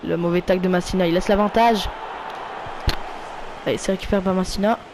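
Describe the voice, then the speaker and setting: A man with a French accent giving casual play-by-play commentary of his football video game, calling out player names and getting loud when a goal comes. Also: high voice, fairly even intonation, fairly quick, noisy background. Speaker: gaming YouTuber.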